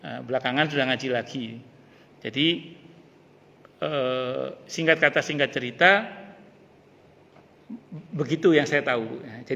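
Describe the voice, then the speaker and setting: Bright-voiced man lecturing in a mosque. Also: mid-range voice, creaky. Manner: lively, joking asides, repeats key phrases. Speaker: ustadz teaching a mosque study group. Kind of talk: casual religious lecture. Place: mosque hall. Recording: long hall reverb.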